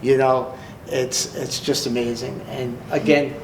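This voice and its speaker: A man's voice: mid-range voice, level tone, measured pace, reverberant, noisy background. A man with a New Jersey accent, hosting an interview in a folksy, emphatic way. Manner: folksy, emphatic, repeats "let me tell you". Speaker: host. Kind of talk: casual interview.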